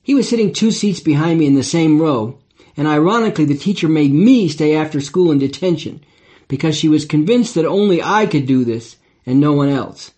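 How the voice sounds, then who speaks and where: Older man, slightly higher voice, wry and reflective memoir reader. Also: expressive, brisk, dark tone. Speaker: memoir narrator. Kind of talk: audiobook memoir reading.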